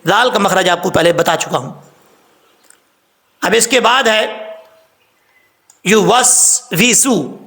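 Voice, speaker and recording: A man teaching Quran recitation rules, patiently explaining step by step, spelling out sounds slowly and repeating rules about common mistakes. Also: high voice, bright, forceful tone. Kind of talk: tajweed lesson.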